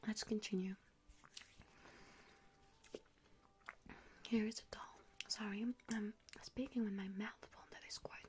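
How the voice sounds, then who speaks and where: A woman's voice: mid-range voice, fairly even intonation, normal speed, slight background noise, natural voice. A young woman playing a gleeful young witch who casts hexes, in a whispered role-play, with a playfully sinister, giggly, chatty manner. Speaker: ASMR creator.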